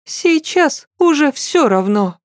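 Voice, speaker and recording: A woman's voice: high-pitched, very animated, slow pace, dry recording, studio quality, voice pushed up, full character voice. A woman voicing a sensible young woman friend who talks in a sighing, resigned, soothing way.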